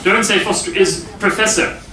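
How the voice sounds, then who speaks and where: Bright-voiced man teaching a classroom lesson. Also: high voice, steady tone, a little hiss or hum. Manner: explains slowly with many pauses and fillers. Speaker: English teacher. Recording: echoey classroom from far off.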